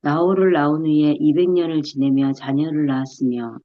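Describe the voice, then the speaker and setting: A woman taking turns reading scripture aloud in a steady, deliberate way, sometimes repeating a phrase. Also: deep voice, muffled recording. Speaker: scripture reader.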